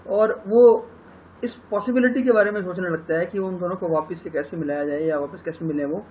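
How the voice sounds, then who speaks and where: A man with an Indian accent teaching English literature, summarizing a novel chapter by chapter in an explanatory lecture, mixing Hindi with English and pausing on fillers. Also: high voice, darkish tone, dull audio.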